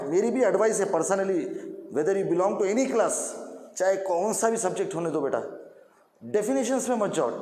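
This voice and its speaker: A man with a Hyderabadi Hindi accent teaching English grammar to students in a classroom, speaking slowly and repeating key points, calling his students children. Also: sits high, darkish tone. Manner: slow, repetitive, addresses students as children. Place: classroom with blackboard. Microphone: microphone. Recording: echoey room with long reverb.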